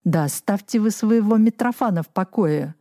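A woman's voice: fairly low pitch, unhurried, mellow, close to an everyday voice. Brief: woman reader as a cold aristocratic official, clipped commands. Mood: stern. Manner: curt and commanding.

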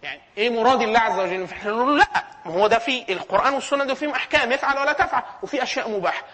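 A man's voice: very high-pitched, rapid-fire, bright, forceful tone. A man with an Egyptian accent giving a lecture, asking himself questions and answering them. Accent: Egyptian Arabic. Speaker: teacher of Islamic sciences.

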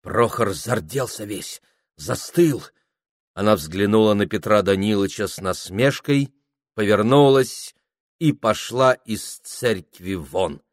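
A man reading a literary novel aloud in a measured, dramatic manner. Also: lowish voice, dry recording, studio quality. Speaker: audiobook reader. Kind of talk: scripted literary narration.

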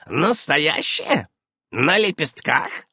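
A high, shrill old witch, as a man puts her on for an audiobook. She is fussy and brisk, firing questions and cutting in, her voice swooping up and down. A husky, dry sound runs under it. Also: very animated, sharp tone, dry recording, exaggerated voice. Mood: brisk, prying. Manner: shrill, darting, interrupting. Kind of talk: audiobook character voice.

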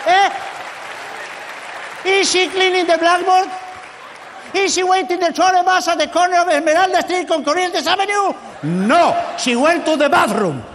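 Man as a high, drawling comic babbler, on a live show recording with a crowd. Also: unhurried, fairly bright tone, exaggerated voice. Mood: giddy. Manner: rambling, punning, mock English-lesson recital. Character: manic grown man babbling silly wordplay. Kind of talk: live comedy sketch. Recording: live stage recording with audience and hiss.

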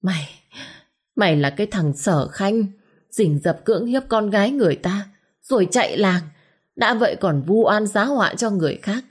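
A woman's voice: on the low side, a little slow, warm tone. A woman voicing a wronged old peasant father in a storybook reading, who speaks with bitter outrage. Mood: outraged. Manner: pleading then cursing in outrage.

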